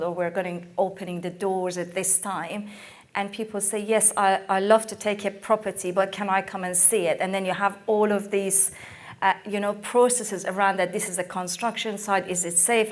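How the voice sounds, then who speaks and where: Emphatic woman panelist, losing her voice. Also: medium pitch. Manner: emphatic, many fillers and restarts. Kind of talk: conference panel discussion.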